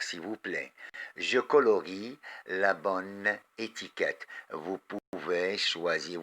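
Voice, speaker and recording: Slow, deep-voiced Moroccan French teacher. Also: male voice, bright, forceful tone. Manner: reads words and sentences aloud slowly, then quizzes pupils. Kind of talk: slow, deliberate classroom lesson.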